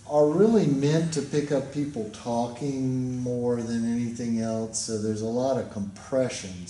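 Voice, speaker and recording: A man in middle age lectures a class at an unhurried, meandering pace, his voice low and mellow. The sound is captured from across an echoey classroom with faint room noise underneath. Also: far from the mic. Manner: relaxed, rambling explanations with fillers. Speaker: instructor.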